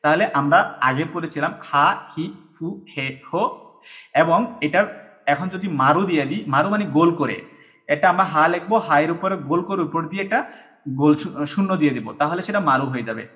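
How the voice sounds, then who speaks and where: A man explains a lesson at a board in a fairly high voice, slowing down to spell syllables one at a time. He is patient and repeats things often. The sound is dull and lo-fi. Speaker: teacher. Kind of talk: whiteboard lesson.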